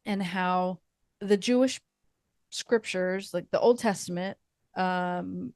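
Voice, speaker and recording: A woman co-hosting a faith podcast, talking in a thoughtful, meandering way with fillers and soft laughs. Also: lowish voice, steady tone, takes it slowly, no room sound, studio quality. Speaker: podcast co-host. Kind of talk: casual faith podcast chat.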